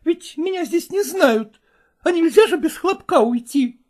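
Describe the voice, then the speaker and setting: A man reading a story aloud, voicing a jealous, demanding actress wife who scolds and shouts at her husband. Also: very high-pitched, expressive, unhurried, pitched above the performer's own voice. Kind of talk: audiobook character voice.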